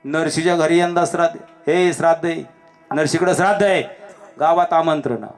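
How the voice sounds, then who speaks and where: A man preaching a devotional kirtan sermon, telling a story with animated delivery that swings between loud calls and hushed lines. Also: a little high, normal speed, faint music behind. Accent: Marathi. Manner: animated, shifts between shouting and hushed lines, acts out characters.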